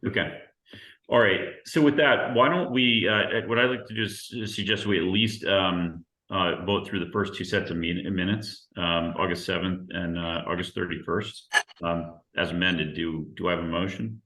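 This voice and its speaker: Brief: low-voiced man chairing a committee, forceful tone, halting delivery, roomy echo. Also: steady tone. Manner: halting, filler-heavy, procedural. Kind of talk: chairing a town committee meeting.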